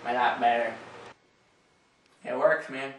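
A young man hosting a homemade comedy talk show, goofy, with loud shouty bursts between mumbled asides. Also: medium pitch, fairly even intonation, slow. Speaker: host. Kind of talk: comic home-video talk show. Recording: roomy, far from camera, faint noise.

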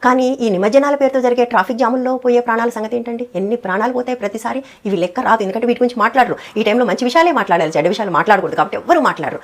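A woman's voice: a little high, rapid-fire, hardly any pauses. A woman giving impassioned social commentary, firing off rhetorical questions emphatically.

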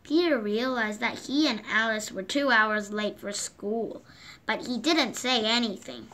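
A high, bright-voiced woman reads a picture book aloud at a slow, gentle pace, raising her voice for quoted lines, with a little hiss or hum in the audio. She is indoors at a table, and a phone or camera films the book from overhead.

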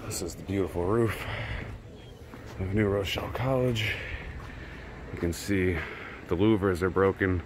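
Low-voiced man giving an offhand walkthrough. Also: unhurried, long pauses, background noise. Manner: relaxed, offhand commentary while walking. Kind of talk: casual handheld walkthrough. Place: campus grounds outdoors and building interior with greenhouse. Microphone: handheld camera.

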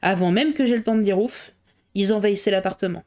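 A woman's voice: medium pitch, fast talker, darkish tone, close to an everyday voice. A woman voicing a flustered, chatty middle-aged cook who rambles colloquially. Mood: gossipy.

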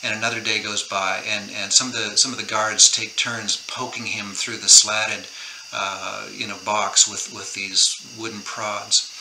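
A man's voice: lowish voice, flat delivery, unhurried. A middle-aged man, an author, earnestly retelling a true story in a conversation, with many fillers and restarts. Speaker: author guest. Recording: roomy echo, faint background noise.

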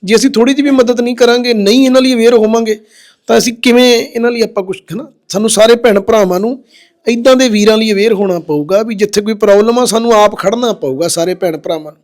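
Soft-spoken consoling man. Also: high-pitched, fast. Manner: gentle, consoling, repeats himself, says "ji" often. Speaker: social welfare video host. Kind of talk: on-location appeal to viewers. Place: indoors and outside a rundown house.

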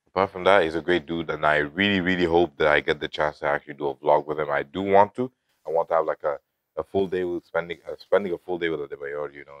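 A young man in his twenties who grew up in Lebanon talks to camera in a loose, rambling vlog, leaning heavily on "you know" and "like." His voice is very deep, though the tone is fairly bright. He's recorded on a lapel mic indoors in a house.

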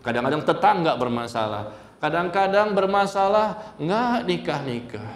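A male Islamic preacher, giving a lively sermon to a congregation in a mosque, telling stories and joking with the listeners. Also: moderate pace, slight background noise. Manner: animated storytelling, jokes with the audience, sudden high exclamations. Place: mosque hall. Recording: echoey hall from far off.

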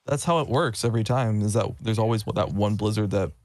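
A man's voice: fairly low pitch, fairly quick, no room sound, clean studio sound. A young man who organizes the tournament, chatting casually after games and giving laid-back strategy advice. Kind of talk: casual post-game chat.

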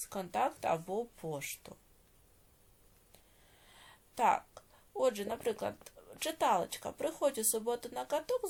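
Woman, schoolteacher, slow careful dictation to young pupils, middle pitch. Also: a little mellow. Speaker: primary school teacher. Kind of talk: dictating a lesson to children.

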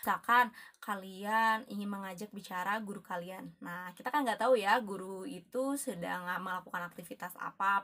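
Woman teacher from Indonesia, cheerful video lesson, bright clear tone, friendly and chatty with students. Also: medium pitch. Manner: cheerful, addresses students as guys, shifts between Indonesian and English examples. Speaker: English teacher.

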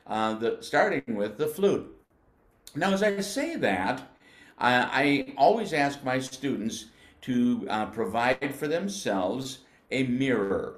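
A man's voice: medium pitch, echoey room. Patient older American man teaching band. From United States. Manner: patient, explanatory, demonstrates syllables slowly. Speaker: music educator. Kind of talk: instructional demonstration.

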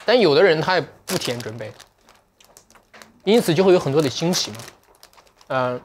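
A man hosting a livestream, chatting casually in a reflective, joking way, sometimes switching to slow, careful English. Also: a little high, lively intonation, a little hiss or hum. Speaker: livestream sales host.

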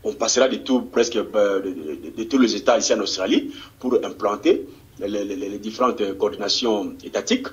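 A man's voice: lowish voice, animated, brisk. A man from DR Congo, a political activist answering an interview in a fervent, rousing way, often stumbling and repeating words. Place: Congolese diaspora community in Australia. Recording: dull lo-fi TV recording.

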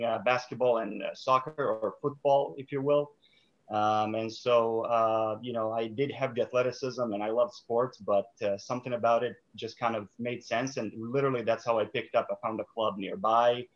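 Serbian-born guy on a video call, slow thoughtful answers, lots of ums, kinda muffled lo-fi audio. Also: mid-range voice. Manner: thoughtful, many fillers and restarts. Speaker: guest, sport psychologist. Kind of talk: casual interview over video call. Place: small room indoors. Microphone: video call webcam.

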